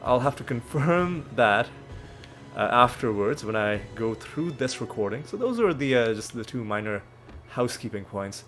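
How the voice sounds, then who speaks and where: With big swings in his medium-pitched voice and a fairly bright tone, a man hosts a let's play at a normal speed. He's shaking off a cold, so he sounds a touch nasal, and his game commentary is casual, rambling, and full of self-corrections. There's faint background music.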